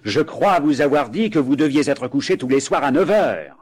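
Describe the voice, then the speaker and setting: Brief: man putting on an outraged old miser's ghost in a storybook, high and shrill, barking orders, breathy. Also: lively intonation, normal speed. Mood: stern. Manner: shouting, outraged, bossy.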